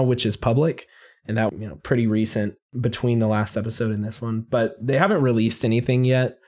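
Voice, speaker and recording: A man's voice: medium pitch, darkish tone. A man co-hosting a podcast, explaining technical things in a casual, conversational, somewhat hedging way. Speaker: podcast co-host.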